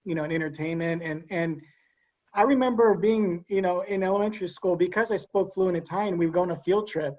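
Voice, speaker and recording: A middle-aged man with a notably high voice tells a story as a podcast guest, fluent but with a few stumbling restarts. The audio comes through dull and lo-fi. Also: fairly quick, a little mellow. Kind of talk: casual reminiscing chat.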